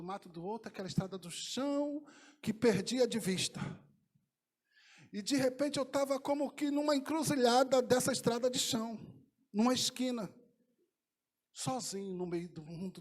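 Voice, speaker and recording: A Brazilian pastor preaching at a church gathering, his voice sitting unusually high for a man. He tells a moving testimony and rises into sudden shouted peaks before dropping back down. His delivery is heartfelt and dramatic. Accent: Brazilian Portuguese. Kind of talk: sermon. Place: church congress.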